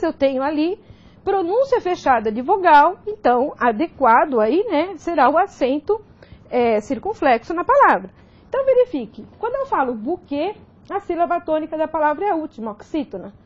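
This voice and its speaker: A woman's voice: high-pitched, muffled recording. A woman teaching grammar in a recorded video lesson, explaining step by step and checking in with frequent "ok?".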